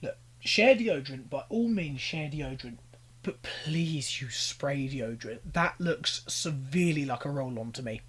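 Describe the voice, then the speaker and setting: A man's voice: medium pitch, expressive, a little slow, a bit bright. A young British man giving exasperated, ranting reaction commentary, pleading with the people on screen. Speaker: commentary YouTuber.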